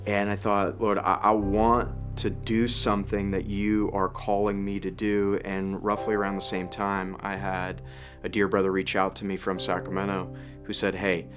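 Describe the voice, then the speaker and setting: A man's voice: lowish voice, monotone, normal speed, a bit bright. A man in his thirties from Ukraine, a pastor telling his story in an earnest, reflective way. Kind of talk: testimony interview. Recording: music bed under voice.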